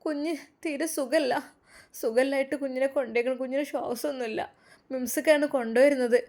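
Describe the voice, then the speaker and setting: A woman voicing a weeping young mother from Malappuram who speaks softly through tears. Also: sits high, fairly even intonation, a little fast. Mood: tearful. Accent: Malappuram Malayalam. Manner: soft and tearful.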